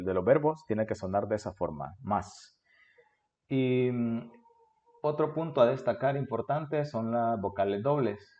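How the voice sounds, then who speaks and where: A fortyish Japanese teacher from Honduras, speaking with a Honduran Spanish accent, takes beginners patiently through a language lesson, regularly pausing to ask "ok?" He has a lowish voice with a darkish tone, recorded with dull audio.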